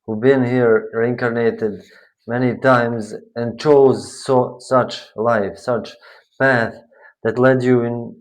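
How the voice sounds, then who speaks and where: Male tarot reader, mid-pitched, unhurried, rambling spiritual delivery. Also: level tone, poor audio. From Bosnia. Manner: slow, meandering, searching for words. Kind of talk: spiritual tarot reading monologue.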